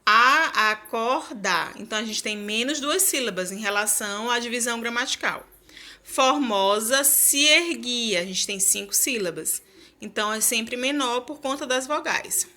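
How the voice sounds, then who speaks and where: A woman's voice: on the high side, a little fast, sharp tone. A woman teacher explaining a lesson to her students, asking them rhetorical questions as she goes.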